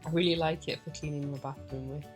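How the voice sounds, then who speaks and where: A young British woman with a croaky morning voice, chatting in a casual, rambling voice-over from bed about her cleaning. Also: low voice, fairly even intonation, fast talker, faint music behind. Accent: British English. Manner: chatty, rambling, says "literally" and "like" a lot. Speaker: vlogger. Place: in bed at home.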